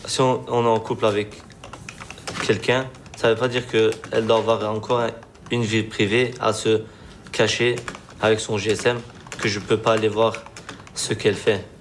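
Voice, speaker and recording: A man answering a judge hesitantly and defensively, in halting phrases. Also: lowish voice, flat delivery, a little hiss or hum.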